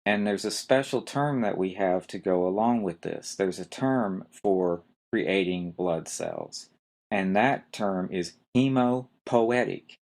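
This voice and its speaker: This podcast lesson on medical terms comes from a slow man with a deep voice and a darkish tone. He spells out every word letter by letter, taking care to stress the right syllables.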